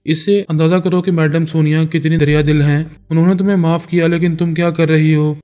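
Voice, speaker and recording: A woman's voice: deep voice, flat delivery, mellow, soft background music, close to an everyday voice. A man voicing a domineering female telepath who scolds and accuses in a storybook reading. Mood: stern. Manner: stern, accusing.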